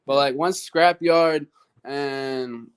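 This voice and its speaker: A man's voice: mid-range voice, very slow, clean tone. A man speaking as an amateur fighter, giving casual, plain-spoken interview answers.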